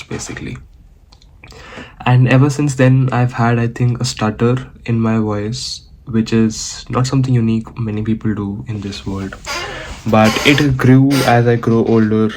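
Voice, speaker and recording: A young Indian man vlogs to the camera while walking outdoors, his lowish voice over slight background noise. He chats casually, with lots of fillers and restarts.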